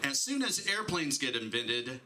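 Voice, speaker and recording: A man's voice: mid-range voice, very animated, unhurried, very noisy. A man, a comedian on a comedy club stage, giving a rambling, self-deprecating stand-up tribute through a handheld mic.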